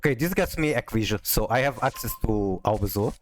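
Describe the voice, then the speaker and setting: This streamer, a native Portuguese speaker, talks briskly in a fairly low voice over a relaxed livestreamed card game. He is animated, bursting out in disbelief, cursing and laughing.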